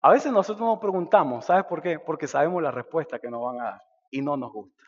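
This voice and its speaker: A man preaching a sermon, swinging between loud and hushed. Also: on the high side, brisk, long reverb tail, lo-fi sound. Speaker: pastor. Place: church sanctuary.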